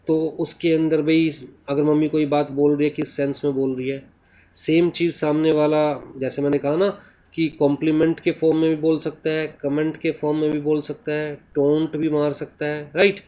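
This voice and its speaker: A man with an Indian accent, a native Hindi speaker, teaching a class in mixed Hindi and English. He keeps asking "right?" and reads English lines slowly. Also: fairly high pitch, monotone, a little mellow.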